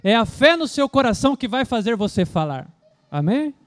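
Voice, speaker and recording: With a very high voice and big swings in pitch, a pastor preaches at a moderate pace. He keeps asking the congregation rhetorical questions, calls for amens, and acts out loud shouting prayers as a mock imitation.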